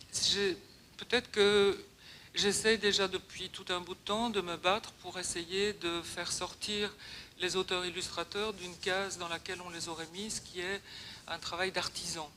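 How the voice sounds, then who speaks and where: A woman's voice: fairly low pitch, bright, forceful tone, slight background noise. A woman from Belgium, giving a conference talk as guest speaker and often restarting her phrases.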